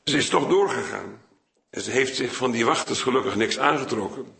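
An older man preaching a Bible sermon in Dutch, chatty and digressive, now and then jumping up high to act out quotes. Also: animated, brisk, vocal fry, bright, forceful tone, echoey room. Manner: conversational, digressive, with sudden high-pitched acted quotes.

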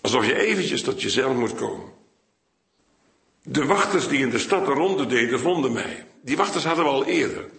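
An older man preaching a Bible sermon in Dutch, chatty and digressive, now and then jumping up high to act out quotes. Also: animated, moderate pace, vocal fry, fairly bright tone, reverberant. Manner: conversational, digressive, with sudden high-pitched acted quotes.

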